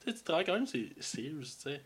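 A man's voice: fairly high pitch, sing-song, brisk, husky. A young man with a Québécois French accent, a student co-hosting a casual podcast, teasing his partner in laid-back banter. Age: young adult. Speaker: podcast co-host. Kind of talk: casual chat.

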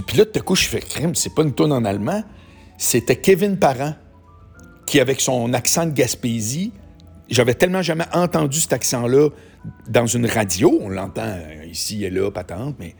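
A Québécois comedian talks loosely and conversationally, full of little asides and fillers. His man's voice has a gravelly edge and a husky, not-quite-clear tone, with a trace of music faint in the background. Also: mid-range voice, expressive, normal speed. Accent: Québécois French. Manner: chatty, with many fillers and asides. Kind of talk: casual conversational monologue.

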